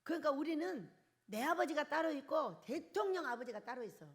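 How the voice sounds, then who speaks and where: An older woman pastor preaching a charismatic sermon, asking the congregation questions and swinging from loud bursts to soft, quiet lines. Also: high-pitched, lively intonation, fairly quick. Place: church hall.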